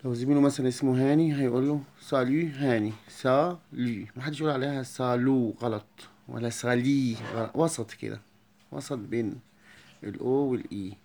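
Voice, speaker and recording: Egyptian man teaching, slow repetitions. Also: mid-range voice, steady tone, dark tone, a little hiss or hum. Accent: Egyptian Arabic. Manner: repeats words slowly and clearly for pupils. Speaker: French teacher. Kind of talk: classroom lesson explanation.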